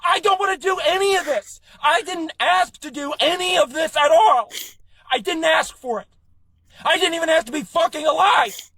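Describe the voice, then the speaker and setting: A high-voiced man tears through an exasperated stand-up rant, swearing freely and building to shouts. The delivery is performed comedy, pitched well above the usual male range. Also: moderate pace, no echo. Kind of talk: ranting stand-up monologue.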